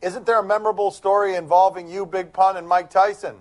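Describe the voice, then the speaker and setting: High-ish guy host on sports radio, teasing, fast reactions. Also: steady tone. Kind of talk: casual sports radio banter.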